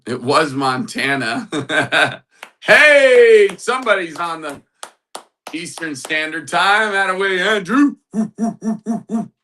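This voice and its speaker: An American man runs a casual live stream as a matchmaker, his mid-range voice pushed and bright over poor audio. Upbeat, he greets viewers in the chat and keeps repeating motivational phrases.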